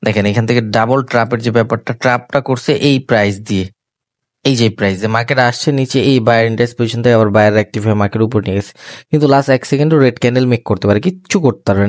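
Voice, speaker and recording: A man's voice: fairly low pitch, no room sound, studio quality. A young man giving live trading commentary over a chart, repeating himself and coaxing viewers as brothers. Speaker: trading channel host.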